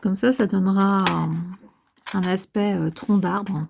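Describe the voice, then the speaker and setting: A woman's voice: medium pitch, steady tone, unhurried, vocal fry, background noise. A woman, casually narrating her journaling craft work step by step, musing and hesitant with many filler sounds. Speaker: crafting vlogger.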